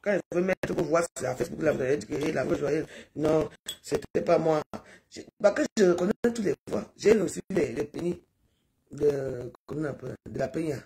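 Gravelly woman rambling on a live stream. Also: low-pitched, normal speed, dark tone, a little hiss or hum. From Cameroon. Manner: rambling, pleading, repeats herself.

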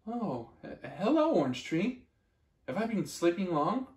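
A man's voice: high-pitched, sing-song, a little slow, a little mellow, roomy sound, voice pushed up. A man voicing a small, timid young male acorn, asking wide-eyed questions in a storybook reading. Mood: wondering.

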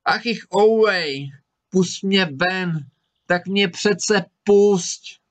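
A man's voice: medium pitch, a bit bright, natural voice. A man voicing a huge menacing male spirit trapped in a bottle, who thunders threats and wails pleas in a storybook reading. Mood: pleading. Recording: slightly dull recording.

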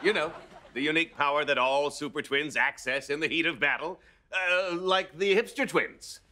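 An actor playing a showy, callous middle-aged superhero contest commander with a pompous manner in a sitcom. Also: male voice, on the high side, normal speed, bright, forceful tone, slight background noise. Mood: smug. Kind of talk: sitcom acting.

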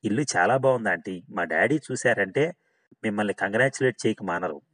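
A man's voice: lowish voice, fairly quick, fairly bright tone. A man reading a bubbly chatty young woman. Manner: eager, bubbly, talkative. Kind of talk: audiobook dialogue reading.

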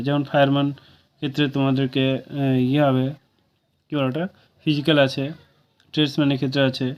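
A man with a Bengali accent, going through a job vacancy notice for viewers in a casual, chatty way and checking in often to ask if they follow. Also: on the high side. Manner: casual, keeps asking "okay?" to viewers. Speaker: job news presenter. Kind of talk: informal job-vacancy explainer. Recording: dull lo-fi recording.

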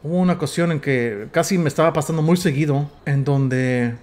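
A Mexican man commentating his gameplay casually, excitable and quick to swear, stammering as he tells stories. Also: on the high side, a little hiss or hum. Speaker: gamer. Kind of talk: casual let's play commentary.

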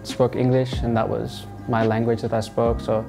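A young man from Australia, a football player answering interview questions in a relaxed, halting way with many fillers. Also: medium pitch, gravelly. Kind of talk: sit-down interview. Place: indoors in front of a wall of football boots. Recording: music playing underneath.

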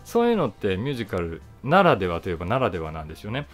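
Very fast and full of huge pitch swings, his voice on the low side, a man in his forties thinks aloud in a casual monologue. He's an actor and voice actor seated before the camera in a small room for his own channel, emphasizing key words and wandering into asides while faint music plays.

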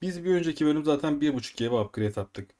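A man casually commenting on his own gameplay as a gaming video host, excitable and quick to get frustrated. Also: a little high. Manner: excitable, frustrated outbursts while upgrading items. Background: keyboard typing and mouse clicks.

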